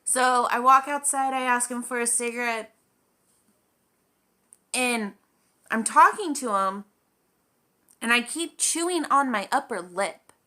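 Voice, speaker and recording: A woman's voice: a little high, slow pace, pauses often, pushed and bright. A woman vlogger telling a story in a casual, chatty way, full of "like" and acted-out quoted dialogue.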